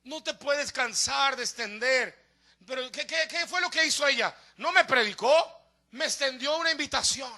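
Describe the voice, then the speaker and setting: A pastor delivers a sermon in a very high voice. His tone is sharp and forceful. He tells stories, acts out the people he quotes and builds to emphatic, near-shouted appeals. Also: moderate pace.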